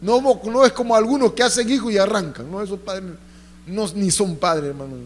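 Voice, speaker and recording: Pastor, male, high voice; call-and-response sermon, hushed tellings broken by loud calls. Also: a little fast, slight background noise. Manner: call-and-response preaching, asks congregation to repeat; swings between loud emphatic lines and hushed storytelling. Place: church.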